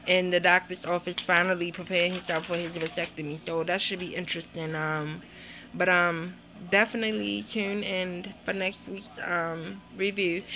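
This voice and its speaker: A woman sits and rants through her review of a TV episode, her voice bright and edged. She talks bluntly and with lots of life, cursing freely in a loose, casual vlog style. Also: lowish voice, a little hiss or hum. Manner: blunt, animated, heavy cursing. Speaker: TV show reviewer. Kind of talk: casual profane vlog commentary.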